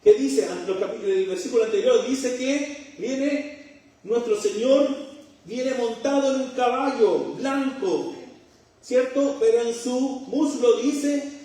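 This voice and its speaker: A man's voice: extremely high pitch, lively intonation, slow, dark tone. A middle-aged man from Chile with a Chilean accent, preaching a sermon and putting rhetorical questions to his congregation with joking asides. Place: church hall. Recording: very echoey room, mic far off.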